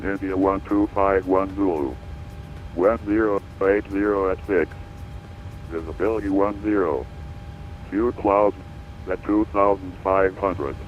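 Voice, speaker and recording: A very low male voice reads out an automated airport weather broadcast in a flat, clipped manner. The sound is dull and muffled, like a radio feed. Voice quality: flat, even, clipped readout delivery. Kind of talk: recorded weather and runway information readout.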